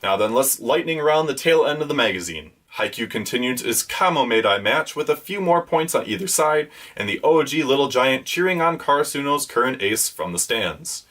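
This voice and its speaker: A man's voice: medium pitch, lively intonation, a little fast, hardly any pauses, fairly bright tone. A man hosting a weekly manga review, reading a scripted rundown with enthusiastic fan commentary.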